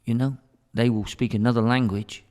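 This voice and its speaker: A middle-aged British man, a school academic director, talks casually as a guest on a podcast interview, rambling and often repeating words as he restarts sentences. His medium-pitched voice is steady, darkish, and at a normal speed, with hall reverb on the recording.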